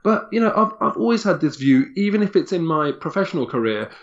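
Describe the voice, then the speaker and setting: A man's voice: high-pitched, very animated, fast, highs cut off. A man, a guest in a casual podcast conversation, talking candidly and emphatically, often repeating himself.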